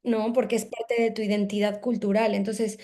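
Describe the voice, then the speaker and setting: A woman's voice: mid-range voice, little pitch movement, moderate pace, mellow. A Mexican woman with a Mexican accent, a guest in a casual interview, talking reflectively with many asides and tag questions. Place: in Spain.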